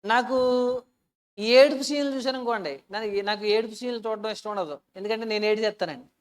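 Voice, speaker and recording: A woman preaching a sermon with personal stories, earnest and emotional, often asking her listeners questions and swinging from soft to loud. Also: fairly high pitch, fast.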